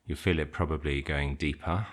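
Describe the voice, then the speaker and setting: A man with an extremely low, steady voice leads an unscripted guided meditation at a moderate pace. His simple instructions come across as informal and gently hesitant.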